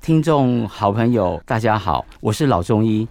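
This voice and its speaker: A man's voice: on the low side, animated, moderate pace, creaky, darkish tone, no echo. A man with a Taiwanese Mandarin accent, a traditional medicine doctor, explaining things conversationally in a didactic way with many rhetorical questions. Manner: didactic, rhetorical questions, frequent sentence-end particles. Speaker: traditional Chinese medicine doctor, podcast guest.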